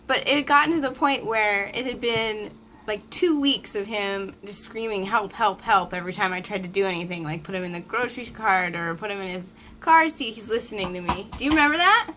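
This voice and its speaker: A woman's voice: medium pitch, a little fast, sharp tone, slight background noise. A mom vlogger chatting casually to the camera at home, laughing often and breaking off to talk to her toddler. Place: family home, indoors.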